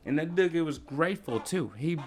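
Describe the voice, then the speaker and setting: A man's voice: on the high side, animated, a little fast, a little mellow, faint music behind. A man giving slangy, rambling reaction commentary on a comic chapter. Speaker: anime commentator.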